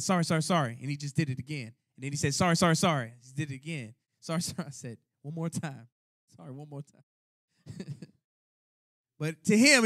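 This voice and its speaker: Male pastor, high voice, dry close sound, earnest conversational sermon. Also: pushed and bright, no echo. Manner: earnest, conversational preaching with colloquial asides. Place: church sanctuary.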